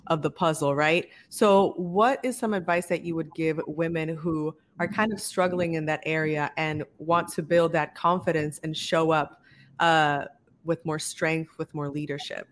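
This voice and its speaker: A woman's voice: sits low, steady tone, a little slow, a little hiss or hum. A woman hosting a podcast interview, upbeat and enthusiastic as she welcomes and questions her guest. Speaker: podcast host.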